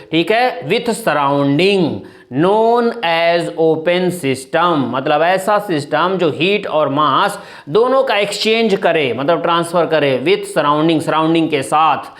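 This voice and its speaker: A man's voice: a little high, a little slow, a bit bright. A male chemistry teacher giving a classroom lecture in with terms, calling students "beta" and asking and answering his own questions. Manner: calls students "beta", asks and answers his own questions, often says "thik hai na".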